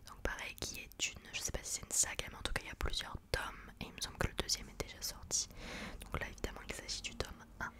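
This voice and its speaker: A woman speaks in a soft, breathy library whisper, chatting informally and a little hesitantly about books in an ASMR style. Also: fast. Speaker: ASMR book reviewer. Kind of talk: whispered ASMR book chat.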